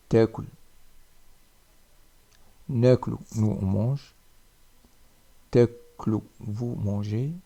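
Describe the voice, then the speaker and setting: A man teaching a spoken language lesson, repeating each word slowly with pauses. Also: on the low side, creaky, mellow.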